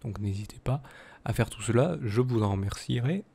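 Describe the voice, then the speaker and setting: A man's voice: medium pitch, animated, moderate pace, gravelly, dark tone, breathy edge. A man with a French accent hosting his small channel, talking casually with many fillers and restarts. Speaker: youtube channel host. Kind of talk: casual video outro commentary.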